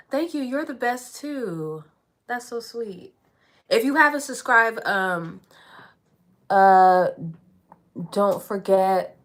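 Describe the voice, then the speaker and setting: A woman in her thirties hosting a casual live stream, greeting viewers, reading out their comments and clearing her throat often. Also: mid-range voice, a bit bright. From California. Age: 30s.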